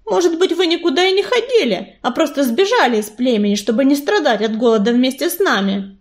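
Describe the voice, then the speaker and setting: A bitter female warrior cat from a storybook who snaps and sneers at returning clanmates, as a woman reads her. Her voice sits high and swings widely. The delivery is scornful and cutting. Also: animated, a little fast. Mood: sneering. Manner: sneering, snapping.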